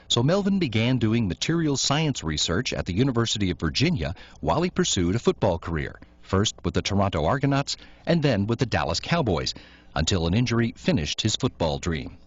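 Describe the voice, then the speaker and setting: A man reading scripted documentary narration in a measured, informative way. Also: lowish voice, slightly rough, no echo. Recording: dull lo-fi recording, dry.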